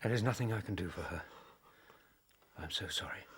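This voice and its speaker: An actor playing Doctor Watson as an earnest, long-suffering doctor and companion in a period radio drama. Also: male voice, low-pitched, moderate pace, fairly bright tone, slightly rough, exaggerated voice. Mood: grave, subdued.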